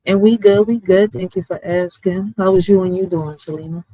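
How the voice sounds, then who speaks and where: A man's voice: sits high, fairly even intonation, moderate pace, warm tone, no echo, poor audio. A man from Puerto Rico, raised in the city, talking casually on his livestream, cursing and checking "all right?" after his points. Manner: street-casual, repeats "all right?" and curses. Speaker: livestream host.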